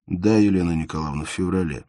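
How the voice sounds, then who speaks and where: A man's voice: low-pitched, dark tone, dry recording, clean studio sound, natural voice. A man doing a shy, lisping young scholar. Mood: earnest. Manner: slow, slight lisp, earnest. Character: shy young male scholar, slow and earnest.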